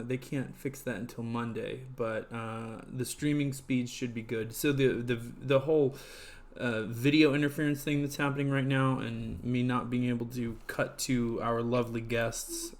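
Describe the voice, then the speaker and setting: Rambling man hosting a live stream. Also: mid-range voice. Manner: rambling, heavy on fillers and restarts. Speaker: livestream host. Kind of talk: casual live-stream chat.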